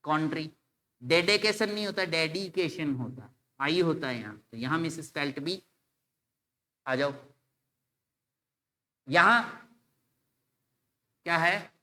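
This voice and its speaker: Male teacher, bright, slightly high voice, casual classroom explaining. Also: animated, slow pace, long pauses. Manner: explains in Hindi mixed with English terms, spells words letter by letter; addresses students casually as "bhai". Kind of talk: exam-solution video lecture.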